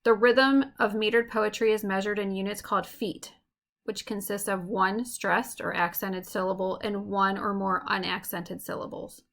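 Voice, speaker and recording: A woman teacher giving a recorded lesson, explaining clearly and slowing down to tap out rhythms. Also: medium pitch, fairly even intonation, a bit bright.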